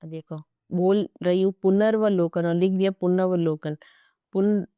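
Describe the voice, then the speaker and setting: Young woman teacher doing exam prep, playful chatty asides, kinda low smooth voice. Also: fairly even intonation, measured pace, warm tone, no room sound. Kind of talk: exam-prep grammar lesson.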